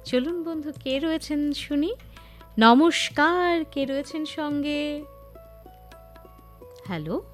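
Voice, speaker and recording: A woman hosts a radio programme in a high voice. She takes her time, talking directly to listeners and putting rhetorical questions to them, with faint music behind her. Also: animated, slow, pauses often. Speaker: radio phone-in show host. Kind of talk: radio show presenting to listeners.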